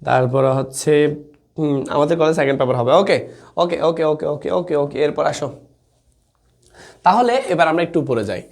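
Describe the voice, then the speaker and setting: A man's voice: on the high side, normal speed, creaky, long pauses, darkish tone. A young man teaching a live online exam-prep class in an informal, chatty way, reading out student comments and checking in with the students often.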